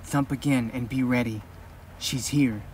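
A man reading an old sorcerer's lines in a hushed, urgent, commanding way. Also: mid-range voice, unhurried, a little hiss or hum, natural voice. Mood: urgent whisper.

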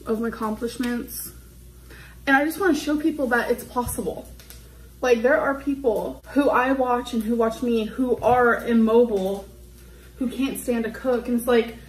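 A woman vlogging in a loose, chatty way, sharing her day with her viewers. Her voice sits a little high and is full of filler words. A faint noise runs underneath. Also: reverberant, rough recording. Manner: chatty, filler-heavy, confessional. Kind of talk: casual vlog chat.

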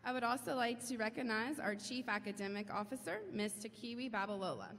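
A woman's voice: a little high, fairly bright tone, slight background noise. Woman principal in an echoey gym. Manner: measured, formal, reads names slowly. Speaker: school principal. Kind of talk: formal ceremony address. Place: large school gymnasium. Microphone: podium microphone through hall speakers.

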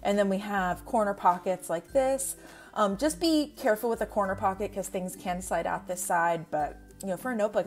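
A young woman talking casually into a desk webcam at home, wandering from thought to thought with plenty of ums. Her pitch sits in an ordinary middle range, and faint music plays underneath. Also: darkish tone. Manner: chatty, rambling with many fillers. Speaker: planner vlogger. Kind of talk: casual screen-share review. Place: indoors at home.

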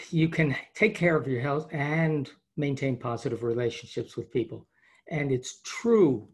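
A man who is a high-performance coach, presenting a webinar over a video call with enthusiastic, rambling delivery and frequent restarts. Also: vocal fry, husky.

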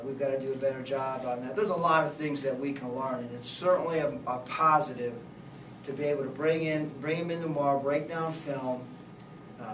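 A man in his fifties, a head coach giving plainspoken, halting postgame answers at a press conference table. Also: medium pitch. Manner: plainspoken, halting, restarts often. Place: press conference room, indoors. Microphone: table mics, heard from a distance. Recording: echoey room, distant mic, noisy.

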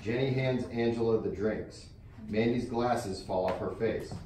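A man reading stage directions aloud in a flat, matter-of-fact way during a casual rehearsal read-through. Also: on the low side, measured pace. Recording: roomy, distant with faint noise.

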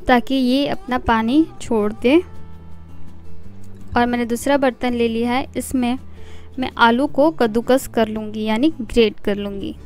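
A middle-aged woman hosting a cooking show, calmly explaining each recipe step and listing the ingredients one by one in a voice-over. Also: fairly high pitch.

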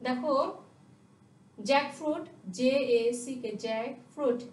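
This recorded lesson captures a woman from Bangladesh leading primary pupils through English words spelled letter by letter, posing questions and supplying the answers herself. She speaks unhurriedly in a high, darkish voice, distant and echoey, with slight background noise.

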